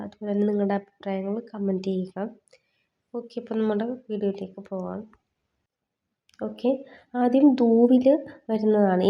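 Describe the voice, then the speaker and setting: A woman teaching a lesson, saying each phrase twice slowly and then explaining its meaning. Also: medium pitch, highs cut off. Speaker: language teacher. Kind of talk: explaining in Malayalam.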